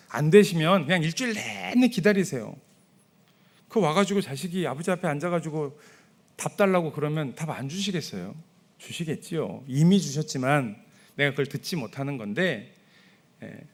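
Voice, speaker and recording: A male pastor giving a Sunday sermon in a church, talking to the congregation in a conversational way and softly acting out sample prayers. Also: fairly high pitch, expressive, moderate pace. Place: church sanctuary.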